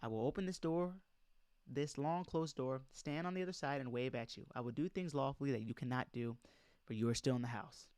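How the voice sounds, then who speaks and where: A presenter reads a document aloud and comments on it in an informal lecture style, speaking emphatically and directing questions straight at his listeners. His medium-pitched voice is brisk, darkish, clear and resonant, with no room sound.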